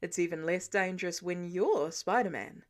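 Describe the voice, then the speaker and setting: A woman's voice: lowish voice, normal speed, pitched below the performer's own voice, close to an everyday voice. A woman voicing a smug, teasing middle-aged billionaire man who drawls and probes dryly. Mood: drawling. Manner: dry, drawling, probing.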